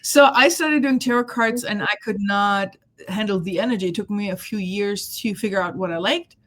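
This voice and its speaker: A woman's voice: medium pitch, moderate pace, a bit bright. A middle-aged woman raised in Germany, a guest healer telling her story in a chatty, casual interview, laughing often and leaning on fillers. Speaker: guest, intuitive reader and healer.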